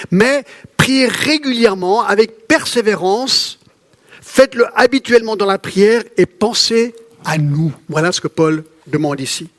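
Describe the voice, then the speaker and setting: High-voiced man preaching a lively sermon. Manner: lively, conversational preaching with asides and repetitions.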